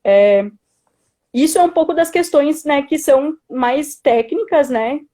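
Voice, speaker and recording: A woman's voice: high-pitched, unhurried, dark tone. A young Brazilian woman giving informal political commentary as a student activist, speaking earnestly and hesitantly with frequent tag questions. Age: young adult.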